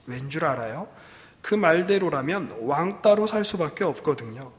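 A man's voice: on the high side, expressive, normal speed, natural voice. A man voicing a frustrated thirty-year-old pastor's daughter, pleading and resentful, in a reverberant hall. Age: 30s.

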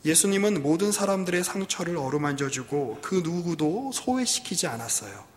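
A man's voice: a little high, pitched above the performer's own voice. A man voicing a frustrated thirty-year-old pastor's daughter, pleading and resentful, in a reverberant hall. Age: 30s.

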